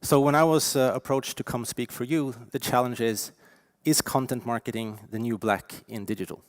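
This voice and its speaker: Speaking from the stage at a conference, a Norwegian man in his forties gives a keynote in an average-pitched voice at normal speed. The recording is dry and close, with little room sound. He's lively and emphatic, hitting key words and using frequent fillers.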